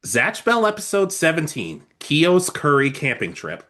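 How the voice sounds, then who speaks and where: Lively animated man chatting casually. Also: on the high side, a little slow. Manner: animated, acts out characters' lines in quotes. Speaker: podcast co-host. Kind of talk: casual chat about anime.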